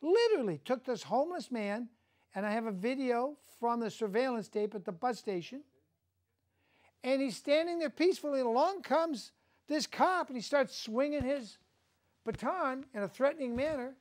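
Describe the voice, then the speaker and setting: A man's voice: very high voice, expressive, moderate pace. A man hosting a studio talk show, ranting emphatically and indignantly.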